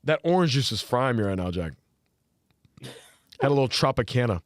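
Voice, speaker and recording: A man's voice: medium pitch, very animated, normal speed, no echo, studio quality. A man hosting a sports podcast in casual chat, rambling with lots of fillers and restarts. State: hiccuping. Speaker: podcast host.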